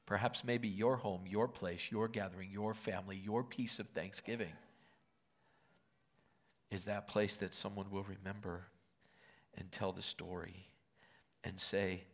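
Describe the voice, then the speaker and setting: An older man as pastor, preaching and praying earnestly, with emotion and often dropping to a hush. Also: on the low side, vocal fry. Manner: earnest, emotional, drops to hushed whispers. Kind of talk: sermon and prayer. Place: church auditorium.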